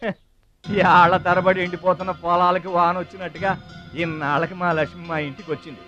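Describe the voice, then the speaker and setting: A man's voice: high voice, level tone, fairly quick, pushed and bright, lo-fi sound, faint music behind. A middle-aged man in a film, speaking emphatically and effusively as a hospitable younger brother. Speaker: younger brother of the household head. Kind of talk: film dialogue.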